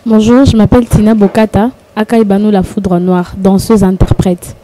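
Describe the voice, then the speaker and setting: A woman dancer introducing herself and giving thanks on live TV in a shy, halting way. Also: mid-range voice, fairly even intonation, background noise. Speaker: dancer, award winner.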